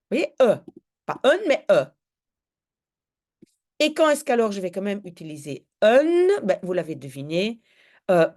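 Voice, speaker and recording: A woman's voice: lowish voice, a little mellow. A woman giving an informal video lesson on Dutch grammar, explaining step by step and checking in with the viewer. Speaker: Dutch language tutor.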